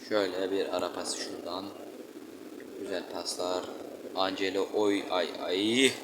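A man with a fairly low voice gives loose, slangy commentary while playing a football video game. He grumbles and exclaims at the match as it goes. Clear background noise sits behind him. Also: flat delivery, a little slow. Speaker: gaming channel host. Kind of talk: casual gameplay commentary. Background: children shouting outside.

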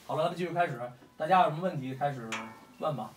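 A man's voice: fairly high pitch, racing, background noise. A man in his forties with a Beijing accent, talking bluntly and heatedly to a crowd of fans, swearing often. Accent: Beijing Mandarin. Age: 40s. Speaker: fight fan meetup host. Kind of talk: casual talk to a crowd. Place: room with a gathering of fans. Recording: echoey room, mic at a distance.

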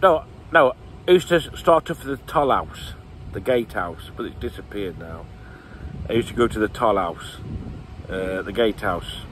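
A man's voice: fairly low pitch, animated, moderate pace, fairly bright tone. Male vlogger, repetitive chanting chat, phone mic outside with street noise behind. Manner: repetitive sing-song chanting. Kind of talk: casual vlog. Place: outdoors on city streets. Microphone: phone held at arm's length.

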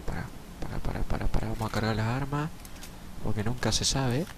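A man's voice: fairly low pitch, fairly quick, noisy background. A man commenting on a horror game at night, jumpy and swearing, yelping at scares. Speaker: let's play commentator. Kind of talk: gameplay commentary. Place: room at night.

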